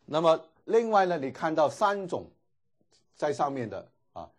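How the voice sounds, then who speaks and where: Husky guy lecturing on greek, voice bounces up and down a lot, lots of little fillers. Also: on the high side, sing-song, normal speed. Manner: explains patiently with many filler particles. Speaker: Greek teacher. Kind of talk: classroom lecture.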